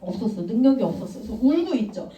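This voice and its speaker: A woman evangelist giving an animated children's sermon and quizzing the kids. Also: a little high, quick pace, muffled recording. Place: church room. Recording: echoey room, mic far off.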